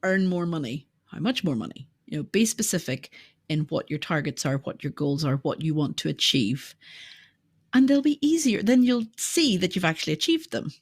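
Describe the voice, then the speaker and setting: A woman co-hosting a marketing podcast, her voice a little husky and on the low side. She speaks with lively swings in pitch, laughs often and teases her co-host. She keeps things moving by asking questions. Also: normal speed, no room sound, studio quality. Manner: laughs often, teasing, asks questions to steer. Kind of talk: casual chat.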